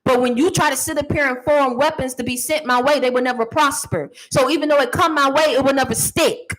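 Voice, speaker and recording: A woman's voice: high voice, steady tone, brisk, fairly bright tone, low-quality recording. A woman giving a motivational monologue to camera, sassy and preachy, talking straight at her critics. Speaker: motivational speaker.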